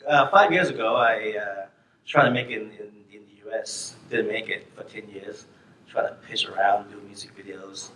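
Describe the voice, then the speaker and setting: A film director from Thailand, raised in Florida, talking casually at a festival Q&A and laughing often. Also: male voice, lowish voice, normal speed, a bit bright. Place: screening venue with audience. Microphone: far from the mic. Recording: echoey room, heard from a distance.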